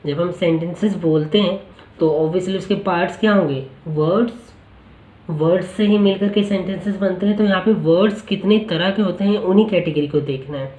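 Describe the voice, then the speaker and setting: A male teacher explaining a spoken-English lesson in Hindi, asking the class rhetorical questions and repeating each word slowly for pronunciation practice. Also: sits high, mellow, echoey room, rough recording.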